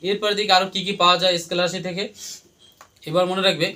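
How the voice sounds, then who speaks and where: A male teacher with a high, bright voice races through a classroom lesson. He drills his students by asking the same questions again and again so they chant the answers back. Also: flat delivery, quick pace. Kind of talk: classroom lesson with call-and-response.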